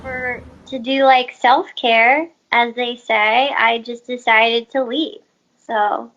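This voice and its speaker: A woman with a high voice talks in a relaxed, hesitant way, trailing off and filling gaps with "like" and "um". She chats over a video call in loose comedic banter. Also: takes it slowly, highs cut off. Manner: laid-back, hesitant, many fillers.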